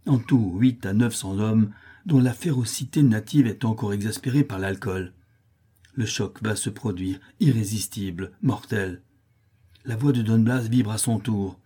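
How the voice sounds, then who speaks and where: Husky-voiced male audiobook narrator. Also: fairly low pitch, measured pace, dark tone. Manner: vivid, emphatic delivery. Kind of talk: dramatic novel reading.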